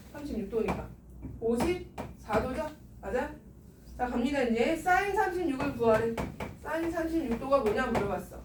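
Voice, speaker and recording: A woman math teacher in a classroom, talking students through problems and coaxing them with constant questions. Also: high-pitched. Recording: echoey room, picked up from a distance with background noise.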